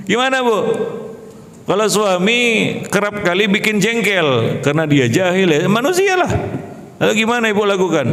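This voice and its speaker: Guy preaching to the ladies at the mosque, bit high voice, chatty, keeps asking them stuff, big hall echo. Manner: conversational, asks the audience questions; lively, jokes and laughs with the audience. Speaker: Islamic preacher. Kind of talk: mosque study sermon to women.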